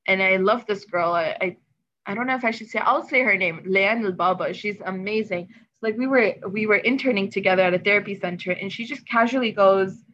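A young woman co-hosts a relaxed, conversational podcast. She talks in an expressive, effusive way with a mid-range voice. The recording is a little dull and lo-fi. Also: mid-range voice, fairly quick. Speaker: podcast co-host. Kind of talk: casual chat.

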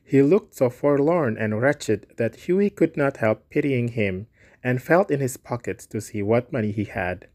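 A man's voice: mid-range voice, animated, a little slow, darkish tone. Man reading a story aloud. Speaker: story reader.

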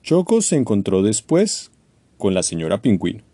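A man reading a children's storybook aloud, expressive and animated. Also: on the low side, moderate pace, breathy edge, no echo.

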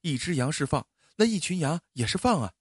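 A man's voice: on the high side, sing-song, brisk, breathy edge, no echo, studio quality, pitched above the performer's own voice. A man voicing an anxious, urgent woman doctor in a told story. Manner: urgent, pleading.

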